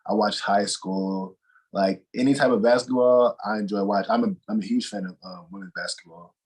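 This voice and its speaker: A young North Carolina man, a college basketball player, answers interview questions in a deep, husky voice at an easy, meandering pace. Relaxed and rambling, he often pauses on fillers and restarts before circling back to finish his thought, on poor audio.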